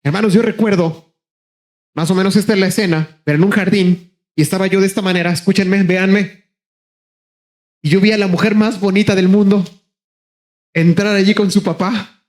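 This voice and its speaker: Man, pastor, sermon, high voice, passionate, speeds up and slows down for emphasis. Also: steady tone, a little mellow. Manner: impassioned, repeatedly addressing the congregation as brothers; shifts between rapid bursts and slow, drawn-out emphasis.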